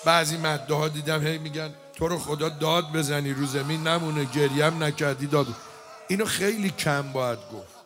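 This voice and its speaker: A man's voice: on the high side, a bit bright. A man who is a religious eulogist, reciting a mourning elegy and coaching others in how to recite it, with an impassioned, lamenting delivery. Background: music.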